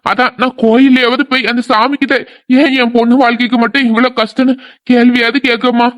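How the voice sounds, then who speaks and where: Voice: mid-range voice, flat delivery, a little fast, a bit bright, lo-fi sound, close to an everyday voice. A voice actor playing a remorseful middle-aged father in a cartoon drama, lamenting and blaming himself. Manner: lamenting, self-blaming, then angry.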